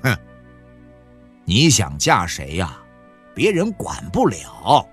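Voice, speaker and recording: A man's voice: sits low, huge pitch swings, slow pace, soft background music, pitched below the performer's own voice, exaggerated voice. A man voicing Lao Yang, a blunt torn farmer. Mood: pleading. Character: middle-aged farmer man, blunt, torn over divorce.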